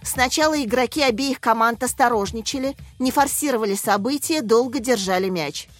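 Storybook narrator, woman, lively and expressive, a touch high. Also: brisk, dry recording. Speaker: audiobook narrator.

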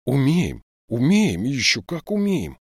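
A man voicing a quick-witted teenage thief in an audiobook, pleading fast and ingratiating. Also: medium pitch, huge pitch swings, slightly rough, no room sound, studio quality, voice pushed up, exaggerated voice.

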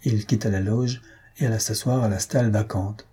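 Male storybook narrator, husky and dark-toned, lively with the shouted lines. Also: moderate pace. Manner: lively, raises pitch for shouted crowd lines. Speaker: audiobook reader.

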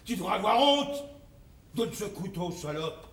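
A distant, echoing stage recording of a jeering army sergeant. He barks like a drill sergeant in a very high, swooping voice, interrogating and mocking with theatrical relish. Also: very animated, measured pace, a bit bright, heavily acted. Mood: jeering, domineering. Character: male army sergeant recruiting soldiers, bullying, sly and jeering.

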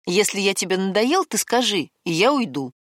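A woman's voice: mid-range voice, sing-song, normal speed, a bit bright, no room sound, studio quality. A woman voicing a guarded man with a secret, coaxing and defensive by turns, in an audiobook.

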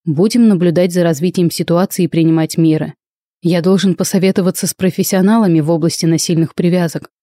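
A woman's voice: lowish voice, steady tone, fast talker, warm tone, no room sound, studio quality, natural voice. A woman voicing a sleepy, stern male academy rector who lectures in formal, admonishing tones. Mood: tired.

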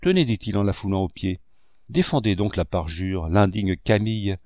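A man's voice: sits low, animated, moderate pace, mellow, no echo, clean studio sound. A man reading the part of a jealous, despairing young lover in an audiobook, impassioned and accusing.

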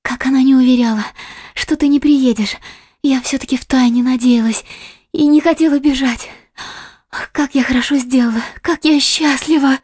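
Woman voicing a fragile young woman, soft breathy voice, high, audiobook, dry close sound. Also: fairly even intonation, normal speed, no echo. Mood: joyful. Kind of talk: audiobook character voice.

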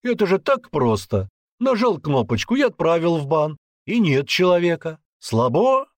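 A man voicing a gruff, brutal old male warrant officer who barks and taunts loudly. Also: on the high side, very animated, normal speed, no room sound, clean studio sound, pitched above the performer's own voice. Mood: taunting. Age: older. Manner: barking, taunting, loud.

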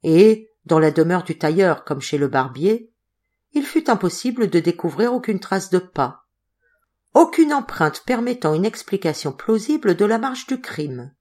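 A woman narrating an audiobook in a steady, expressive reading voice. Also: lowish voice, a little slow. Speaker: audiobook reader.

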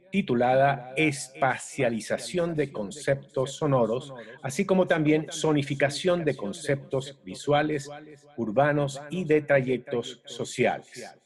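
A man's voice: medium pitch, darkish tone. A man hosting a conference, reading a formal, courteous scripted introduction of a guest speaker.

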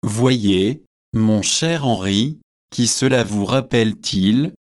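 A man's voice: fairly low pitch, takes it slowly, dry recording, clean studio sound. A man reading the part of a chatty, forgetful young newly married woman in an audiobook, with gushing, eager speech.

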